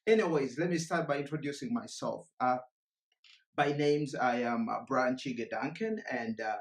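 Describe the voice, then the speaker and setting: A man from Uganda giving an energetic motivational presentation live from a remote location, often repeating and restarting his words. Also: medium pitch, normal speed, echoey room.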